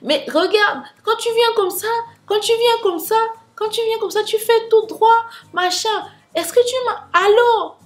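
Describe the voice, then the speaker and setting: A woman putting on the voice of a smooth-talking young man giving directions over the phone. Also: extremely high pitch, unhurried, pitched above the performer's own voice. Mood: urgent. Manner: suave, coaxing phone talk.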